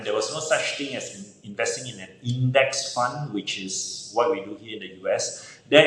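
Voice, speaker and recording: Man, 40s, from Malaysia, interview guest: lowish voice, measured delivery, echoey room. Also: a bit bright. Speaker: guest, real estate broker. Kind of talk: interview answers.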